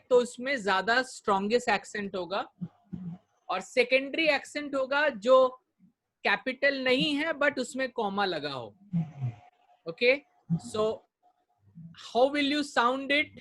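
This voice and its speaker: A man with an Indian English accent teaching pronunciation in an online class, drilling words slowly and mixing Hindi with English. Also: extremely high pitch, sharp tone.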